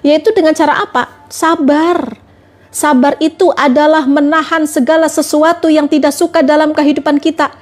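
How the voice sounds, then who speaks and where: A woman's voice: sits high, fairly even intonation, moderate pace. A woman motivational trainer giving live-streamed religious advice, firing rhetorical questions and coaxing her viewers directly. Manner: fires repeated rhetorical questions at listeners.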